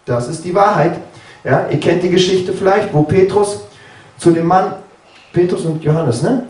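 Man, sermon, chatty, fairly high voice, echoey room. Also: moderate pace, darkish tone, far from the mic. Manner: conversational, keeps asking "ja?" and "ne?"; acts out biblical dialogue with sudden pitch jumps. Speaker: preacher. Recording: roomy, from off-mic.

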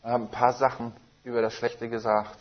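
A preacher tells his testimony from the pulpit with emphatic, vivid storytelling. He speaks at a middling pitch for a man. The recording is muffled and a bit lo-fi. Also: flat delivery, fairly quick. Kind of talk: testimony sermon.

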